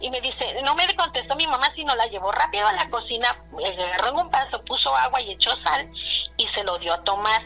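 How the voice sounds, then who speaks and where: Woman caller, fairly high and bright with a gravelly edge, rambling storyteller full of fillers and restarts, faint music behind. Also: lively intonation, brisk, rough recording. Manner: rambling, many restarts and fillers, retells dialogue. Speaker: caller telling a personal story. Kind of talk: casual spoken storytelling.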